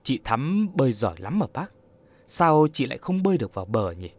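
A man voicing a gentle, coaxing young woman. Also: mid-range voice, big pitch swings, a little fast. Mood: gently probing. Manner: soft, coaxing, polite.

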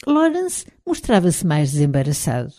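Woman, European Portuguese accent, audiobook narration, low, warm, dry. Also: huge pitch swings, normal speed, no room sound. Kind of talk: first-person audiobook narration.

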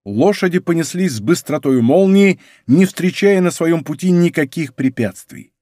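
A male audiobook narrator reads a period adventure novel at a measured, steady pace. His voice sits slightly high for a man. The studio sound is close and dry, with no room echo. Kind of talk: scripted narration. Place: recording studio.

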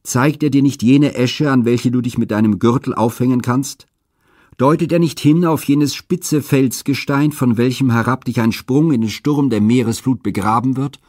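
A man reading aloud and voicing a despairing young princess with a high, strained, impassioned lament. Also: moderate pace, a little mellow, no echo, studio quality, close to an everyday voice. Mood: self-reproaching. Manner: impassioned, declamatory.

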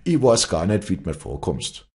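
A man's voice: deep voice, very animated, normal speed, darkish tone, voice pushed up. A man voicing a hot-headed young hunter who grumbles irritably in a Bavarian dialect. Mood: grumbling.

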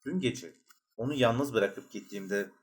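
A man's voice: mid-range voice, unhurried. Man reading a novel aloud. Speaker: audiobook narrator. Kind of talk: scripted literary narration.

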